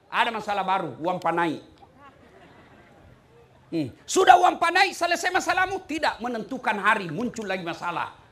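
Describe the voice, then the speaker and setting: Man, Makassar Indonesian accent, middle-aged, humorous sermon, lively pitch. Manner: lively, joking, sings song snippets. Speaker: preacher.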